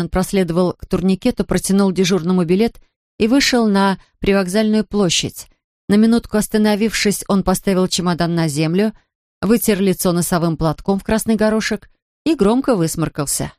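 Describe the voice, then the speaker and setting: A woman reading a children's story aloud in a calm, steady narration. Her voice sits at a middle pitch, and the recording is close and very dry with no room sound. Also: dry recording. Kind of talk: audiobook narration.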